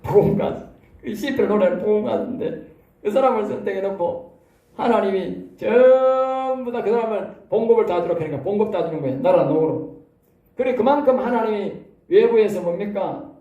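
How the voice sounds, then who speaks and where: A Korean pastor with a Gyeongsang accent, preaching in a lively, folksy way and often tossing rhetorical questions at the congregation. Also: male voice, high voice, moderate pace, echoey room, dull audio. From South Korea. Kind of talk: sermon. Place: church hall.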